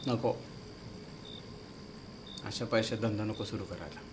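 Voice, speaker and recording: An actor playing a blunt husband worried about unpaid installments. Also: male voice, lowish voice, a little slow, very noisy, natural voice. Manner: curt, dismissive. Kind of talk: film drama.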